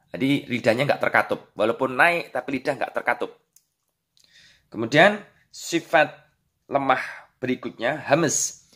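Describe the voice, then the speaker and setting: A man's voice: mid-range voice, fairly bright tone. A man with an Indonesian accent teaching Quran letter pronunciation, patiently explaining and then drilling syllables aloud. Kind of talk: slow instructional lesson with drills.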